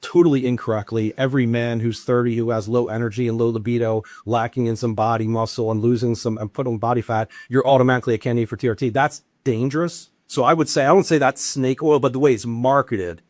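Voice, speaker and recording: A man's voice: mid-range voice, steady tone, quick pace, hardly any pauses, a little mellow, dry recording, studio quality. A man with a Southern American accent, a guest answering interview questions in a talkative way with frequent restarts. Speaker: guest, wellness expert.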